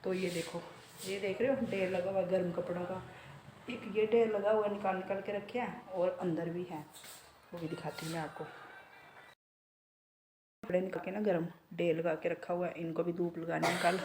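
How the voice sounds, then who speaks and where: A woman in her forties vlogging casually from home in a chatty, relaxed way, talking straight to viewers, her throat a bit sore from a cold. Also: fairly low pitch, normal speed, pauses often, background noise. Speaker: beauty salon owner and vlogger. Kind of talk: casual home vlog chat. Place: home, indoors.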